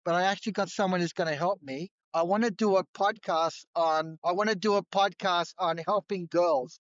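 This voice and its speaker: A man's voice: high-pitched, normal speed, no echo, muffled recording. A man chatting casually with strangers, rambling, repeating words and swearing freely.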